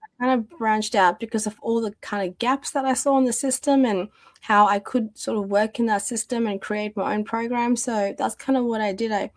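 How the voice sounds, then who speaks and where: A woman in her thirties, a domestic violence practitioner appearing as a guest, tells her story conversationally with lots of fillers while her voice gives out. Her voice is a little high, steady in tone, at a moderate pace with no echo.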